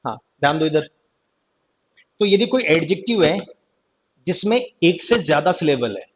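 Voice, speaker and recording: Teasing grammar teacher, lo-fi. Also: male voice, fairly high pitch, big pitch swings, normal speed, a little hiss or hum. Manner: teasing, chatty, keeps repeating "ध्यान देना" and "ठीक है जी". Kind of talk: live online class, Hindi explanation. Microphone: online class stream mic. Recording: dull lo-fi stream audio.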